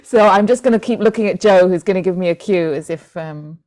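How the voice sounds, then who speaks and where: British woman, 40s, Buddhist nun, lowish voice, mellow tone, gentle reflective speech. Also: fairly quick. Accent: British, with an international lilt. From Britain. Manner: gentle, reflective, with soft fillers and restarts. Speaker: Buddhist nun and Dharma teacher. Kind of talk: heartfelt talk to an online community. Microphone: video call.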